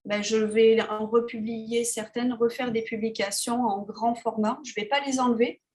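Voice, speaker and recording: A woman's voice: on the high side, flat delivery, moderate pace, a little mellow. A woman photographer talking casually as an interview guest, hesitant, with many fillers and restarts. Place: Tahiti.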